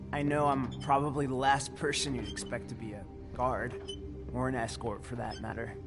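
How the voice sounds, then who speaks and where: A man's voice: mid-range voice, level tone, normal speed, over music, natural voice. Young game doorman, male actor: mid-range voice, anxious, loyal, polite, slightly pleading. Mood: polite, nervous. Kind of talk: video game acting.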